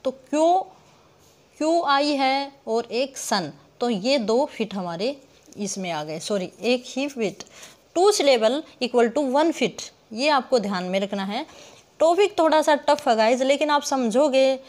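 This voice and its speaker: A woman's voice: high-pitched, animated, slow. A young woman teaching poetic meter in an online lesson, asking questions she answers herself and sounding out words syllable by syllable. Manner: rhetorical questions she answers herself, addresses viewers as guys. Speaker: literature teacher.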